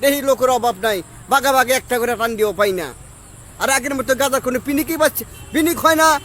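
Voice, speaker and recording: Very high, sharp-voiced Bangladeshi man, belligerent intoxicated street rambler, faint street noise behind. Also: fairly quick. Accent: Bangladeshi Bengali. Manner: rambling, belligerent intoxicated rant, repeats himself insistently. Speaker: street interviewee. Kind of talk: street interview rant. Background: outdoor traffic and street ambience.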